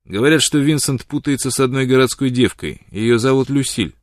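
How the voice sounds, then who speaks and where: Gruff old frontier guy, blunt and pushy, talks loud, man voicing him. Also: medium pitch, a little fast, no room sound, clean studio sound, voice pushed up, close to an everyday voice.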